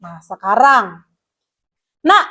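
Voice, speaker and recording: A woman's voice: medium pitch, big pitch swings, drawn-out words, pushed and bright. A woman counselor teaching a guidance lesson to a class of pupils, explaining step by step and asking them questions as she goes.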